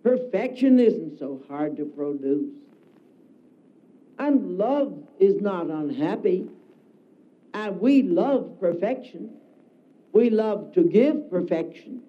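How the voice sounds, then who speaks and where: A man giving a solemn devotional address, declaiming slowly with emphatic repetition, heard on a dull lo-fi recording. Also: high voice, expressive. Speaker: spiritual speaker.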